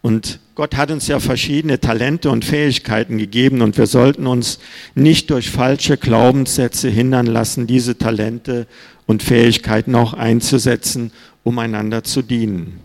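A man's voice: mid-range voice, steady tone, normal speed, gravelly, a little mellow. A man preaching a sermon in an earnest, plain-spoken way, reading scripture aloud. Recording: reverberant hall.

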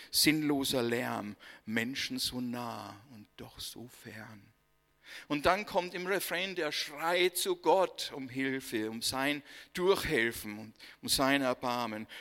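Slow, bright-voiced German preacher in a reverberant hall. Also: male voice, medium pitch. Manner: slow, emphatic preaching with dramatic pauses and soft, dropped line endings. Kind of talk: sermon.

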